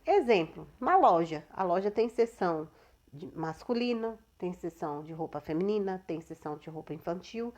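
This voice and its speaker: A woman with a Brazilian Portuguese accent, teaching a grammar lesson. She explains patiently, keeps checking in with her listeners and slows down on each example word. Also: on the low side, animated, a little mellow. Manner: checks in often with "certo?", slows down on example words.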